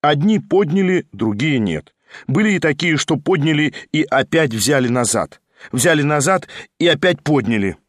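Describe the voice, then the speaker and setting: A man narrating a classic novel in an audiobook, expressive and measured. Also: a little high, no echo, clean studio sound.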